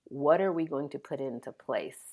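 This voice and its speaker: A woman's voice: very deep voice, moderate pace, darkish tone. A woman in her thirties, a pediatric physical therapist, speaking earnestly as a guest in a podcast interview.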